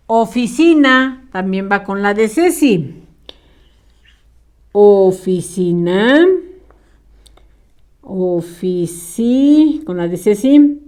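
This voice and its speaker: Slow, patient woman teacher dictating. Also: on the high side. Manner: dictates word by word with long pauses, patient and encouraging. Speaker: primary school teacher. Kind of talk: slow dictation lesson for young children.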